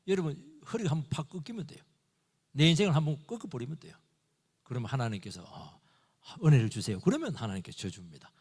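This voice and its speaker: Male pastor, middle-aged, Sunday sermon, lively swooping delivery, slightly high voice, long church reverb. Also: fast talker, husky. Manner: animated preaching, acting out dialogue in short bursts. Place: church sanctuary.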